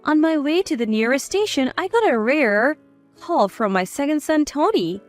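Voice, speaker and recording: Woman, 60s, narrator of a family story; high, animated delivery. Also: normal speed, faint music behind. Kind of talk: scripted first-person story narration.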